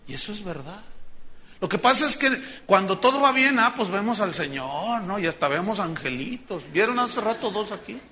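Male preacher, sermon, high-pitched, earnest, dramatic retellings. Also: sing-song, normal speed, pushed and bright. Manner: earnest, addresses congregation directly, acts out prayers dramatically.

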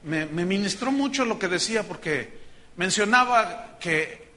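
A man's voice: high voice, expressive, unhurried, sharp tone. A man preaching a sermon, speaking earnestly to his congregation and acting out prayers with drama.

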